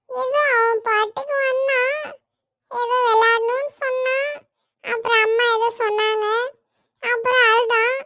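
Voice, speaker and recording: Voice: extremely high pitch, sharp tone, exaggerated voice. A performer voicing a whiny, sulky young boy in a family comedy cartoon, complaining tearfully that nobody will play with him. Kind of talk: family comedy skit dialogue.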